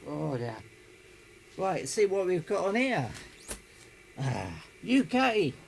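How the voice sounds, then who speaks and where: Unboxing a CB radio by hand, this middle-aged hobbyist speaks slowly in a high-pitched, very animated voice. He chats casually and mutters to himself as he goes, with background noise clearly audible.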